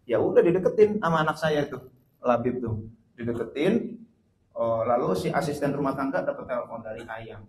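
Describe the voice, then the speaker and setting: A man preaching a sermon to an audience, telling stories with animated voices and asking the crowd questions. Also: mid-range voice, normal speed. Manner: storytelling with lively put-on voices and questions to the audience. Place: hall with an audience. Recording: echoey hall.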